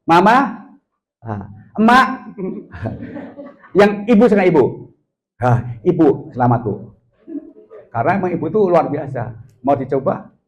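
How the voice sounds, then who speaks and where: A man's voice: a little high, big pitch swings, unhurried, pauses often, low-quality recording. Playful man joking through a seminar talk. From Indonesia. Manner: playful, teasing, often laughing with the audience. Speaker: professor giving a parenting seminar talk. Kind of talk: lively seminar talk with jokes and audience questions.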